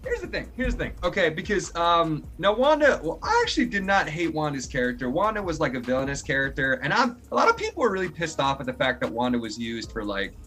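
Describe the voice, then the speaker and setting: Excitable rambling male podcast host. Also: on the high side, fast talker, hardly any pauses, faint music behind. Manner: rambling, excitable, prone to shouting and swearing. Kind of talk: casual film review chat.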